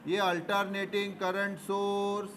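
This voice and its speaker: This male physics teacher speaks in a high, fairly bright monotone and a little slowly as he explains a problem at the board. Patient and affectionate toward his students, he answers his own questions over faint background noise.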